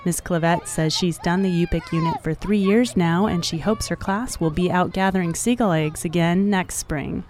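A woman radio reporter narrating a news feature in a measured, even delivery. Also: lowish voice.

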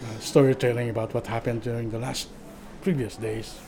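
Male community official interviewed, medium pitch, little inflection, halting phrasing with repeats. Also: level tone, crowd noise. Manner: halting, repeats words while searching for phrasing. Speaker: community organization vice president. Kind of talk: informal interview answers.

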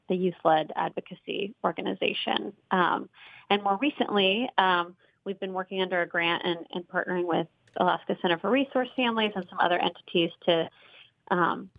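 A woman answering interview questions off the cuff as an expert guest, often pausing mid-phrase. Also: on the low side, creaky, no room sound, narrow, tinny audio. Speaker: interview guest, child welfare training director.

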